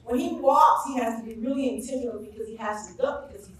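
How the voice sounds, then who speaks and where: A woman's voice: on the high side, quick pace. A woman from South Carolina giving an emphatic tribute speech at a school ceremony, building up on repeated phrases. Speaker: school staff speaker at a ceremony. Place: school gathering space with a live audience. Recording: echoey room, voice from far off.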